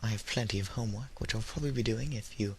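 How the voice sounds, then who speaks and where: A lowish, creaky, darkish voice moves quickly as this tired, under-the-weather young man records an offhand solo audio log for YouTube. He's a teen or young adult still in high school, and his humour is dry and self-deprecating. The home recording is noisy with hiss behind him.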